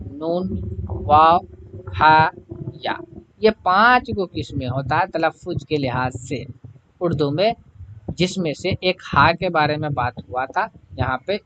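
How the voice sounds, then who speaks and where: A man's voice: high-pitched, fairly bright tone. A male language teacher walking through exam-prep questions, repeating each question to the class and then answering it himself. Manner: fills pauses with "है ना". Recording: dull lo-fi recording with clear background noise.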